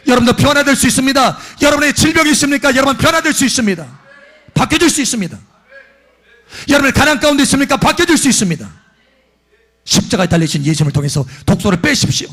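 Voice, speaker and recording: A male pastor delivers an impassioned sermon in a fairly high, husky voice. His pitch leaps all over the place, soaring when he voices prayers and blessings. The delivery is fervent and dramatic. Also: fairly bright tone.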